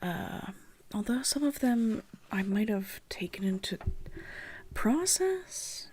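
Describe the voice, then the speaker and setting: A young woman hosting a writing vlog, speaking mostly in a soft whisper as she reads her old prose aloud. She sounds sleepy and keeps yawning. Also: mid-range voice, very animated, slow, a little hiss or hum. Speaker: writing channel host.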